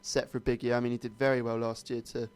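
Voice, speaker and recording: A man's voice: medium pitch, clear, resonant tone. A young man co-hosting a sports radio show, chatting casually and hedging his opinions. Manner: quick, flat-toned, hedging opinions.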